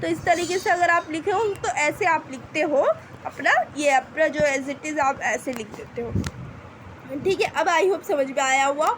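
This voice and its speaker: High-voiced woman teaching a math lesson. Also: unhurried, a bit bright, a little hiss or hum, rough recording. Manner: repetitive, checks with "ठीक है", self-correcting. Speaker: teacher explaining a worksheet. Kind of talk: casual classroom-style lesson. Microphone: screen recorder voice-over.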